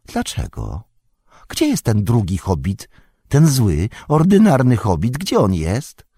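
A man reading an audiobook, voicing a wretched, sly male creature in a high, hissing whisper, drawn out and muttering to himself. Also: wildly swooping pitch, slow, dark tone, breathy edge, no room sound, clean studio sound, full character voice. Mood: suspicious. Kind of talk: audiobook character voice.

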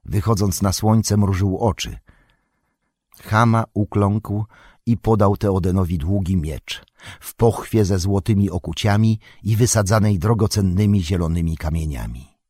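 A man narrating an audiobook in a measured storytelling manner. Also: low-pitched, a little mellow, breathy edge, dry recording, studio quality.

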